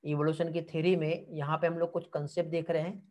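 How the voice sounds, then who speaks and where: A man's voice: a little high, little pitch movement, fast talker, a little mellow. A male biology teacher giving an online exam-prep lecture. He calls the students 'beta', checks often whether they follow, and answers their comments. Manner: calls students 'beta', keeps asking 'theek hai'.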